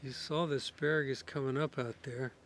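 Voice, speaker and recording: A sick, coughing man rambling casually outdoors in his garden for his vlog, his voice going hoarse. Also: medium pitch, fairly even intonation, fairly quick, a bit bright, a little hiss or hum. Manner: rambling, many fillers and restarts. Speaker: garden vlogger.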